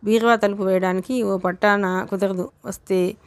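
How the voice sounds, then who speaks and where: A woman reading a novel aloud as an audiobook narrator, in a steady, measured storytelling manner. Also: medium pitch, dry recording.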